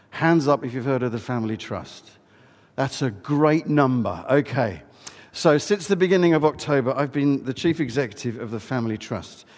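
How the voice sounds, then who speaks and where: A middle-aged Englishman, a charity chief executive appearing as guest speaker, gives a friendly, conversational address at a church service in a large old church building. His mid-range voice has a darkish tone, the hall is reverberant, and his speech is full of fillers and restarts.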